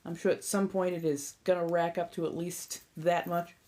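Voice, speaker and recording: A woman's voice: lowish voice, little pitch movement, normal speed, heavy background noise. A woman with a Southern California accent chatting casually and informally to viewers as a livestream host and tarot reader, rambling a little as she goes.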